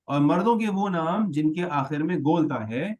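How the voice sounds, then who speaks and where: A man teaching a classroom grammar lesson in a slightly higher-than-usual voice. He explains patiently and stretches out example words. He keeps checking that his students are following. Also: a little mellow, dull audio. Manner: patient, checks understanding often.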